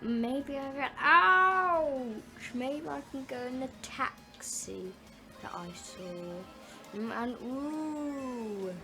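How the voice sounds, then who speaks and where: A woman's voice: high-pitched, expressive, extremely slow. A woman hosting a gaming video, giving playful kart racing commentary full of exclamations, oohs and little vocal sound effects. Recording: game music under the voice. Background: video game music.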